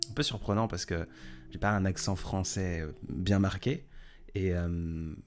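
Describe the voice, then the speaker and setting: A man hosting a casual live stream, reading viewers' messages aloud and answering in a soft, hesitant way with many fillers. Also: sits low, unhurried, faint music behind. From France.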